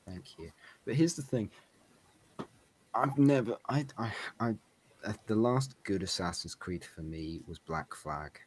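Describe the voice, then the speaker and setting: A man's voice: on the low side, expressive, measured pace, slightly rough. A man hosting a casual gaming podcast, chatty, laughing and mimicking lines from games. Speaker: podcast host.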